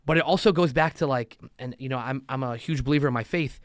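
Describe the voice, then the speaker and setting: Animated male podcast guest. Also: mid-range voice, fast, no room sound, studio quality. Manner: animated storyteller, acts out quotes. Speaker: podcast guest, loan officer. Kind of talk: casual conversation.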